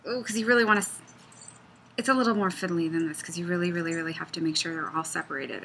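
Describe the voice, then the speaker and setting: Chatty, bright-voiced woman crafter. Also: mid-range voice, slight background noise, low-quality recording. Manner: rambling, chatty, goes off on tangents; animated, laughs often. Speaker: knitting pattern designer. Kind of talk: casual craft tutorial.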